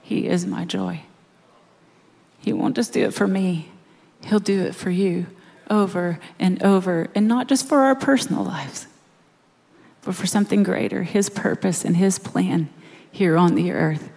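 A middle-aged woman preaching a sermon in a slow, earnest way, dropping to quiet, soft stretches. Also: lowish voice, creaky, long reverb tail.

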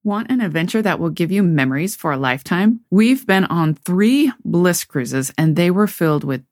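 Low-voiced woman reading an ad. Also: animated, normal speed, dry recording, clean studio sound. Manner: bright, persuasive delivery. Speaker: ad narrator. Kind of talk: upbeat ad read.

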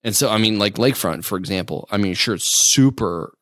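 A man's voice: fairly low pitch, fairly bright tone, no room sound. A man who flies for a living, chatting casually and walking through radio calls in plain steps. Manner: explains fast, in plain steps. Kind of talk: casual chat.

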